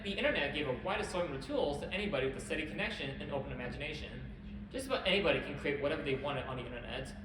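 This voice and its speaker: A man with a slightly high voice speeds through a convention panel talk, brisk and wry. He is picked up from a distance in a large echoey room with a steady hum behind him. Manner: brisk, wry, occasional self-corrections. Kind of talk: presenting a history talk. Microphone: camera at a distance. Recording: echoey hall, distant camera, background hum.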